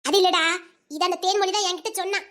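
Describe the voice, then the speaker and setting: A woman doing a very high-voiced schemer. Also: steady tone, fairly bright tone. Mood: plotting. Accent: Tirunelveli Tamil. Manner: fast, persuasive, conspiratorial. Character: scheming young village woman, plotting coolly. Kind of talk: Tamil serial drama dialogue.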